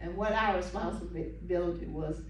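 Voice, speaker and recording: Breathless older Southern woman, echoey distant room. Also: fairly low pitch. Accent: Southern American. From southern United States. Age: 70s or older. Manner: folksy, unhurried, with pauses and acted-out quotes. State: short of breath. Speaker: guest speaker at a local history talk. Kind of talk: informal reminiscing storytelling to an audience. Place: meeting room with seated audience, phone camera from the audience. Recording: echoey, noisy room recorded from afar.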